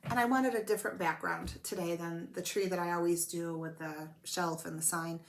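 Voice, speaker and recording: A woman's voice: lowish voice, fairly even intonation, normal speed, slight background noise. Chatty woman with a cold. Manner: chatty, rambling, self-deprecating. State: coughing from a cold. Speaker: flosstube host. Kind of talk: casual show-and-tell chat. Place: home room with blanketed windows.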